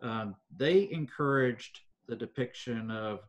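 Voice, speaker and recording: An older man, telling local history in an interview at an even pace with many fillers. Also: medium pitch. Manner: measured storytelling with frequent fillers. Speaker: foundation president, guest.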